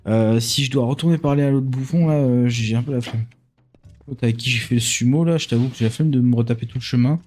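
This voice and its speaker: A man's voice: mid-range voice, fast talker, darkish tone, faint music behind. A man doing casual let's play commentary, thinking aloud in an informal, self-mocking way.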